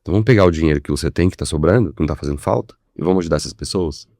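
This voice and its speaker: A man with a very deep voice speaks as a podcast guest. He builds a persuasive story and voices both sides of a conversation. The studio sound is dry and close. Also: very fast, vocal fry, mellow, dry recording. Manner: persuasive storytelling with acted-out dialogue.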